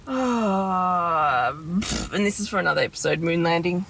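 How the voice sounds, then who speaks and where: A woman co-hosting a casual podcast, excitable and jokey, laughing often. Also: fairly low pitch, unhurried, creaky, a little hiss or hum. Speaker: podcast co-host.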